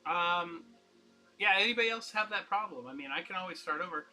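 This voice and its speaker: Bright-voiced chatty man auctioning comics. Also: sits high, lively intonation, a little fast, faint music behind, rough recording. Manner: chatty, upbeat, rambling with restarts and laughs. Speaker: live-stream comic seller. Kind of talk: casual live auction chat.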